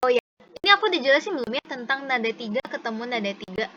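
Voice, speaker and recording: A woman's voice: on the high side, lively intonation, rapid-fire, bright, forceful tone, muffled recording. A woman teaching a casual one-on-one language lesson over a video call, explaining patiently step by step and repeating examples. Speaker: Mandarin tutor.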